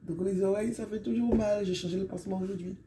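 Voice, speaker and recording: A hoarse, middle-aged woman from Guadeloupe chatting casually in a vlog, rambling and often wrapping up her points. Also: medium pitch, steady tone, quick pace, background noise. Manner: chatty and rambling, often sums up with "donc voilà". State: hoarse from illness. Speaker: vlogger.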